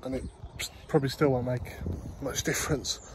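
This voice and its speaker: A man in his thirties with a mid-range voice and fairly even intonation talks fairly quickly in a casual vlog from an outdoor allotment garden. Rambling and joking at himself, he uses lots of ums. He's filmed on a close-held phone with outdoor noise behind him.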